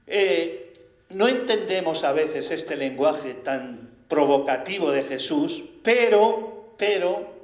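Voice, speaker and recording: A man with a Spanish accent preaching a sermon, animated and full of rhetorical questions. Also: on the high side. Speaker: priest. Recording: echoey room.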